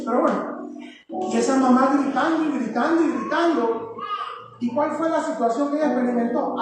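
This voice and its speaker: A woman with a Panamanian accent preaching a sermon, emphatic and exhorting, repeating her appeals to the listeners. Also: on the high side. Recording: echoey hall from far off with music.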